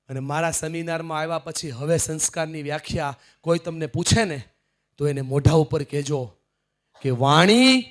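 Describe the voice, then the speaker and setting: A middle-aged man giving a live motivational seminar, emphatic, swinging from loud to hushed. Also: a little high. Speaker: motivational speaker. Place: large seminar hall with audience.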